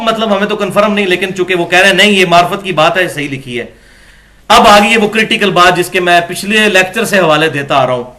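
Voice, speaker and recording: A man with a high, sharp-toned voice delivers a religious lecture, reading from books. He argues his points forcefully, building to emphatic peaks.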